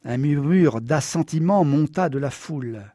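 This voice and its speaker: A man reading a novel aloud in the first person, measured and somber. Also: a little high, lively intonation, mellow, no room sound, clean studio sound. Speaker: audiobook narrator. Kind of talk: scripted first-person narration.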